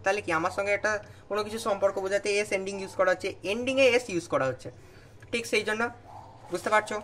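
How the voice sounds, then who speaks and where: Young man, Bengali accent, exam revision tutor, explains then checks in, bright tone, slight background hiss. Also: high voice, very fast. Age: young adult. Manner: explains terms then asks students "understand?".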